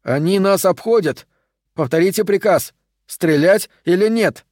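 A man's voice: sits high, measured pace, darkish tone, dry recording, studio quality, pitched above the performer's own voice. A man reading an audiobook, voicing a young soldier calling urgently over a field radio. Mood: agitated. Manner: agitated, urgent.

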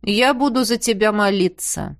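A woman's voice: medium pitch, moderate pace, vocal fry, no room sound, lightly acted. A woman voicing a gloomy male colleague in an audiobook, tense and groaning. He warns bluntly, in a dry close read.

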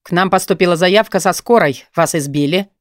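A woman's voice: fairly low pitch, a little fast, dry recording, natural voice. A woman voicing a dry male police officer. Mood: formal. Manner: dry, formal.

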